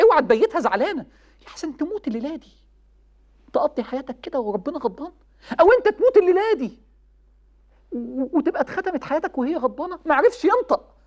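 A lively Egyptian woman with an Egyptian Arabic accent gives a Ramadan sermon talk as a religious speaker, talking fast. She is passionate, rising into high exclamations and acting out the voices she quotes.

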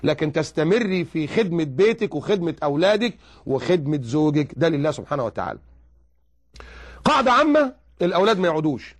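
A man with an Egyptian accent giving religious advice, animated and full of rhetorical questions. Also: a little high, fast talker. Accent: Egyptian Arabic. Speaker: preacher.

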